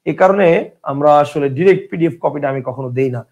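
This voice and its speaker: A slightly high-voiced man talks fast with a darkish tone, and the sound is lo-fi. He's teaching grammar online, repeating his questions, asking again and again whether students get it, and reading out and responding to viewer comments.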